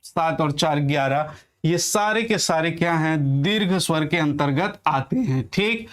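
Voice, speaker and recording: A man with a high voice teaches Hindi grammar in a lesson. He poses questions to his students and answers them himself, and he dictates definitions slowly, word by word, as he writes. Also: a bit bright. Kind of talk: classroom-style grammar lesson.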